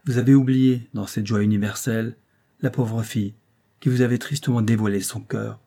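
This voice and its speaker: A man's voice: fairly low pitch, fairly even intonation, normal speed, mellow. A man voicing a proud, grieving young Venetian woman in a story reading, sorrowful and dignified. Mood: earnest.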